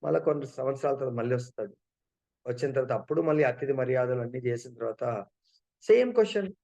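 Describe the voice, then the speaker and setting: A man telling a story in a devotional lecture, in an animated way. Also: medium pitch, fast talker. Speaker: devotional speaker.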